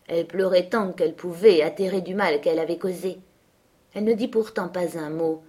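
A woman reading a novel aloud as audiobook narrator, with measured, lowered storytelling delivery. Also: dark tone, slightly rough. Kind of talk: scripted narration.

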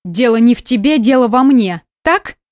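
Brief: woman narrator doing a heated, mocking young woman in an audiobook, bright higher voice, dry booth sound. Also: normal speed, no echo, natural voice. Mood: sarcastic, heated. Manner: biting, sarcastic, emotional. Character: young woman, sarcastic, hurt, quick-tempered. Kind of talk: audiobook dialogue.

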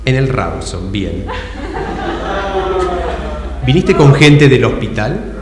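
Hosting an improv show in an echoey hall packed with a live audience, a man with an Argentine accent teases an audience member with questions, echoing their answers back. His medium-pitched voice is very animated but slow, with crowd noise behind him.

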